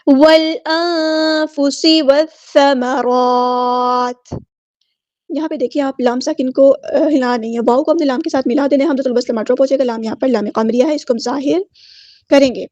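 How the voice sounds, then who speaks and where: A Quran recitation teacher with a high, mellow voice leads a word-by-word tajweed lesson, chanting each word in a long, slow recitation and then explaining the rules in brisk, plain speech with fairly even intonation. The recording is close and dry, with a slightly dull tone.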